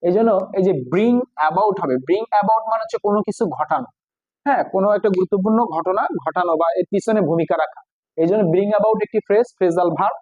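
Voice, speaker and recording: A man with a Bengali accent, a native Bengali speaker, teaching English grammar for exams, explaining each phrase slowly with many pauses. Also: high voice, a little mellow, no echo, dull audio. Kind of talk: exam prep lesson.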